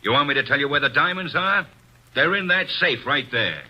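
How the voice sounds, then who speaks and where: An actor playing a gruff, accusing male police inspector in old-time radio acting, husky and blunt. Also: a little high, expressive, brisk, lo-fi sound. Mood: needling. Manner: blunt, needling, lays out his case.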